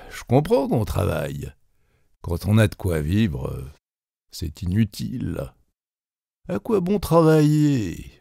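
A man voicing a shabby, aging male café regular who speaks in a calm, even, quiet way, placid and resigned. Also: lowish voice, gravelly, dry recording, clean studio sound, heavily acted.

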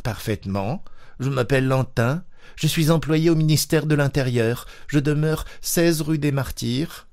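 A man's voice: a little high, a little slow, a little mellow, voice pushed up. A man reading a story aloud, voicing a meek, bewildered widowed clerk who stammers. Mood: flustered. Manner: hesitant, stammering. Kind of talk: audiobook character voice.

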